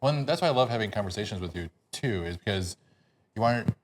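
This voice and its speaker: Low-voiced male co-host, supportive, some restarts, light noise behind. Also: animated. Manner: supportive, short agreeing replies, halting restarts. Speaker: podcast producer and co-host. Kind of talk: casual podcast conversation.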